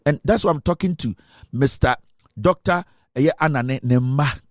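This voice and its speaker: A man with a Ghanaian accent delivers impassioned political commentary as an online news commentator, moving between English and Twi and building toward indignant rhetorical questions. His voice is medium in pitch at a moderate pace, recorded with clean studio sound and no echo.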